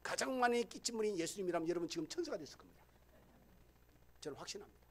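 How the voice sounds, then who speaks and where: A man preaching a sermon in a softened Gyeongsang accent from Busan. He turns to the congregation again and again and moves between loud, emphatic lines and low, quiet asides. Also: animated, racing. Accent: softened Gyeongsang Korean. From Busan, South Korea. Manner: addresses the congregation directly, often saying "여러분". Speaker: pastor. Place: church sanctuary.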